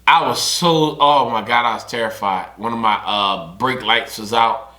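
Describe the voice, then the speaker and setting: Young philly dude chatting on a podcast, bright voice, roomy echo, keeps doing the voices of people in his stories. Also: mid-range voice, moderate pace. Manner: animated storyteller who acts out other people's lines. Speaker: podcast host. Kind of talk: casual podcast storytelling. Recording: echoey room.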